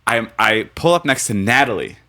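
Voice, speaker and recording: A man in his twenties chatting on a podcast, telling stories with lots of swearing and jumping up in pitch when he quotes people. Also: normal speed. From United States. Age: 20s. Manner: animated storyteller, swears often, voice leaps up when acting out quotes. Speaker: podcast co-host. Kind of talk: casual podcast chat.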